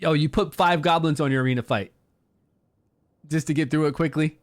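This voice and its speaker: A man's voice: on the high side, fairly quick. Chatty upbeat male game streamer. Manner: chatty, greets chat viewers by name. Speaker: game livestreamer. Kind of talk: casual livestream commentary.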